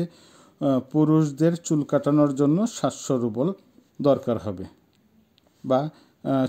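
Slow, mellow-voiced man teaching. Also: mid-range voice. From Bangladesh. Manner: deliberate, repeats words for pronunciation with frequent pauses. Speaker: language teacher. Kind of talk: slow explanatory language lesson.

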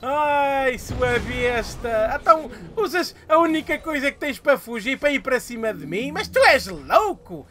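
Young Portuguese man, gameplay commentary; high, bright voice, excitable, swears and yelps. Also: a little slow, hardly any pauses. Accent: European Portuguese. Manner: excitable, swearing, shouting outbursts. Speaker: gamer.

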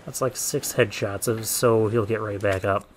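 A man's voice: on the low side, fairly even intonation, normal speed, noisy background. A man giving casual let's play commentary on a video game, thinking aloud with muttered asides as he goes. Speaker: gaming let's play host.

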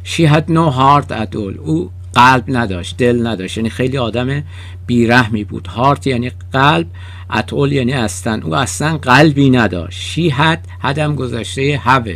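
Male teacher, gravelly, dry close sound; walks through song lyrics slowly and patiently. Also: mid-range voice, fairly bright tone, no room sound. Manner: explains slowly, repeats lyrics word by word. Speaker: English teacher. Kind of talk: song-based language lesson.

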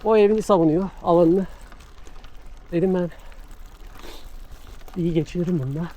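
A man's voice: sits high, moderate pace, dark tone, muffled recording, slight background noise. A man on a bicycle, chatting to viewers about the road as he climbs, a bit out of breath. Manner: chatty, talks to viewers and to a dog while riding. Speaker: cyclist vlogger. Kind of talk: casual narration while cycling. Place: outdoors on a country road.

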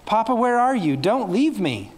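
A man's voice: high voice, very animated, moderate pace, pitched above the performer's own voice. A man voicing Jesus as a suffering man who pleads with his father in gasping cries. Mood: anguished.

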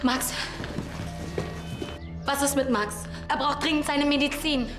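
A desperate mother who insists on being obeyed. Her voice is somewhat high. Music plays clearly under this television drama dialogue. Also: takes it slowly, reverberant. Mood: anxious. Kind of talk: TV drama acting.

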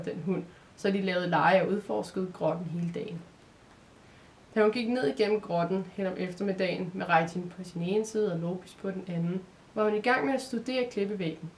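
Calm woman reading a storybook. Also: on the low side, a little hiss or hum. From Denmark. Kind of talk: storybook narration.

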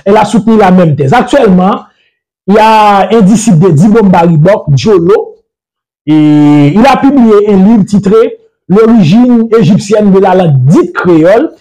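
High-voiced man giving a methodical lecture. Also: expressive, warm tone, poor audio. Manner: methodical and didactic, strings points together with frequent "donc"; slow deliberate spelling-out of word lists. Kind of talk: spoken lecture on language and religion.

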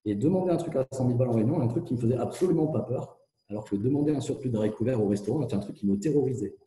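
A man speaking candidly as an interview guest, with fast, tumbling speech full of hesitations and restarts, heard through a hands-free kit. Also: mid-range voice, mellow. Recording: echoey, muffled hands-free phone sound.

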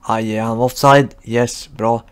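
A man's voice: medium pitch, smooth. A man giving live commentary over his football video game, cheering his team and groaning at misses. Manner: excitable, shouts at goals, groans at misses. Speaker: gaming channel host.

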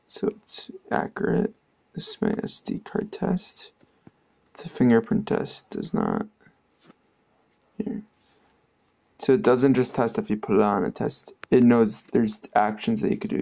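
A tech channel host gives a laid-back phone tutorial, chatting offhand as he taps through screens and runs tests. He speaks in a mid-range, husky voice with vocal fry and a darkish tone.

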